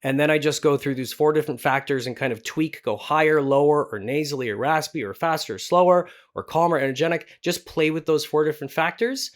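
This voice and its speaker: Talking to viewers like the working voice actor he is, a man hosts a casual scripted tutorial with chatty self-deprecation. He speaks on the high side, fairly quickly, with few pauses.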